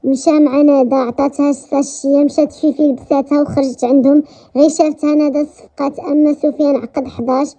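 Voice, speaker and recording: A woman with a Moroccan accent narrating a first-person romance story in a brisk, chatty way. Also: high voice, little pitch movement, warm tone. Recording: dull lo-fi recording.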